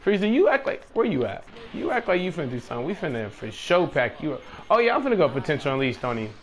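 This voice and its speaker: A man's voice: a little high, very animated, fast talker, soft background music. A young man streaming a video game, chatting casually with slangy banter and laughing a lot. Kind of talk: casual gaming chat.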